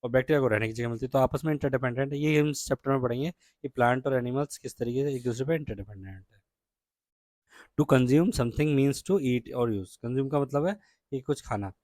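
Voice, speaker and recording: A man with an Indian accent teaching a science lesson to children, reading English lines slowly and then explaining them in Hindi, checking in often with "ठीक है?". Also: medium pitch, a little mellow, no echo.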